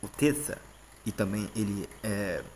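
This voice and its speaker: A man with a Brazilian Portuguese accent teaching a casual lesson. He often checks in with "tá?", repeats terms and pauses on fillers. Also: lowish voice, expressive, a little mellow, a little hiss or hum.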